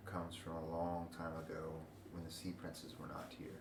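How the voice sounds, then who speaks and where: A man's voice: sits low, completely flat delivery, far from the mic, lightly acted. Man voicing an ancient talking tree, solemn, echoey. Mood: grave, solemn. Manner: slow, solemn, portentous. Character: ancient wise talking tree, grave and disapproving. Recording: roomy echo, noisy background ambience.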